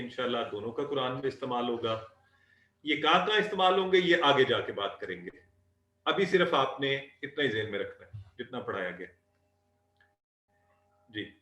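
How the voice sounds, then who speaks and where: Man, Arabic teacher, patient, repeats phrases, bright tone, roomy echo. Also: mid-range voice. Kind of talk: online Quran Arabic lesson. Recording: echoey room, voice a bit distant.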